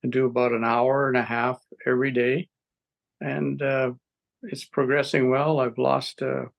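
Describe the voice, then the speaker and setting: A man in his seventies giving a rambling, halting interview testimonial, with frequent restarts and chuckles. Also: mid-range voice, flat delivery, creaky, highs cut off. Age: 70s. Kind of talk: casual interview answers.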